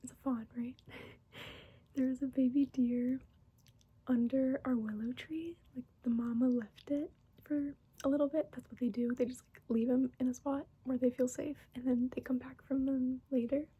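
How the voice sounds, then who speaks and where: A woman in her twenties chatting in a soft whisper for an ASMR get-to-know-me video, unhurried and giggly, close to the microphone. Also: sits high, steady tone, slightly rough, muffled recording. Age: 20s. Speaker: ASMR creator. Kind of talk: soft-spoken ASMR chat.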